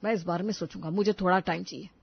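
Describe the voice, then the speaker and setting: A woman voicing an indifferent young adult son who speaks in a flat, weary, curt way, on a dull, dry recording. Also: lowish voice, racing, vocal fry, breathy edge, voice pushed down, heavily acted.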